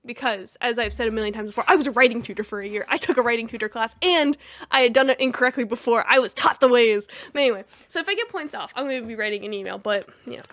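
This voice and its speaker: A woman's voice: fairly high pitch, quick pace, a bit bright. A young woman co-hosting a podcast, chatting casually and rambling through a story with frequent laughs. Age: young adult. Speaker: podcast co-host. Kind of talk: casual chat.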